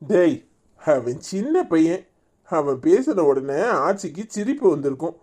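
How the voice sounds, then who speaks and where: Casting: a woman doing a reassuring cartoon dad, Tirunelveli accent, lively intonation. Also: sits low, measured pace, background noise. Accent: Tirunelveli Tamil. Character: grown son and father, calm and reasoning. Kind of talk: cartoon voice acting.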